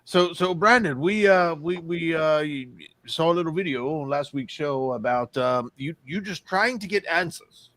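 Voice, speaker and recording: A man playing a formal, theatrical horror host on a wrestling panel show, pompous and halting in delivery. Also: on the high side, fairly bright tone, no room sound, natural voice. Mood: formal, measured.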